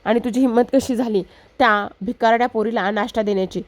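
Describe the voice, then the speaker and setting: A woman's voice: fairly high pitch, fairly even intonation, a little fast, natural voice. A woman voicing an angry older woman of the household who scolds with contempt. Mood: scolding.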